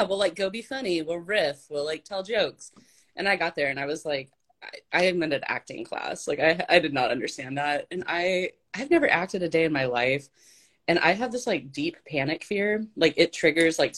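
A woman from Arkansas, hosting a podcast in casual chat, self-deprecating and laughing often. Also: low voice. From Arkansas, US South.

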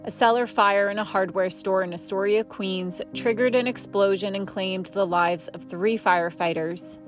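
A woman reading scripted documentary narration in a measured, solemn manner. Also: medium pitch. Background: music.

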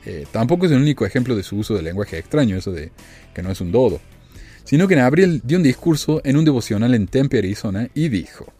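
A man's voice: medium pitch, lively intonation, fast talker, warm tone, husky, faint music behind. A man hosting a talk show, giving wry, chatty commentary on the news with frequent rhetorical questions. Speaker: podcast host. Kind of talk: casual commentary.

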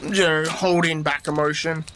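A man with a slightly high voice playing a tabletop game. He talks hesitantly with many fillers and restarts, and faint noise sits behind him. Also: little pitch movement, normal speed, pushed and bright. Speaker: player. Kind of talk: tabletop role-play chat.

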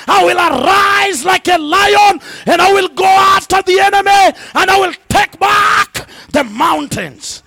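A man preaching a revival sermon in a roaring, rallying shout, driving phrases home with emphatic repetition. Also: extremely high pitch, no room sound.

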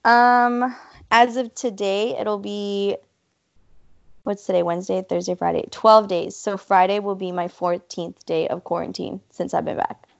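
A woman's voice: medium pitch, fairly even intonation, a little slow, creaky, lo-fi sound. A young woman, a student guest chatting casually with lots of "like". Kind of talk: casual interview chat.

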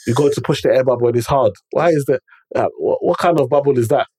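A husky, slightly mellow male voice at medium pitch rattles along quickly, with no echo in the recording. He has an urban London roadman accent and multicultural slang, and he spins stories and motivational advice in an emphatic, conversational manner, repeating lines and checking in with his listener.

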